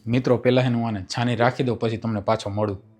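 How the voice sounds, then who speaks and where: A man's voice: mid-range voice, steady tone, fast, darkish tone. A young man, chatting casually to viewers in a vlog and coaxing someone to stop crying. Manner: coaxing, pleading. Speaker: vlogger.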